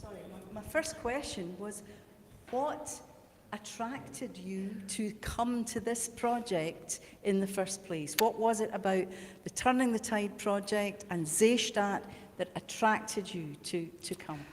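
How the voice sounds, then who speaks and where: A woman's voice: medium pitch, slow pace, slight background noise. A woman moderating a symposium panel, graciously thanking and introducing speakers. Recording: echoey hall.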